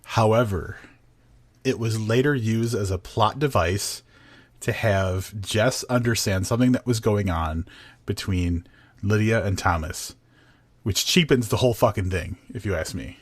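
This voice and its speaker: A man co-hosting a podcast, talking bluntly in halting, stop-start sentences and swearing freely. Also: lowish voice, dry recording. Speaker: podcast co-host. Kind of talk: casual book review chat.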